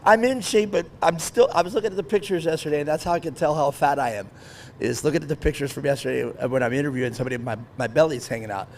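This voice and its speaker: Calling an off-road race live from the grandstand of an outdoor track, a man in his fifties talks fast in a higher voice. He's chatty and self-deprecating, laughing often, and there's a little hiss or hum.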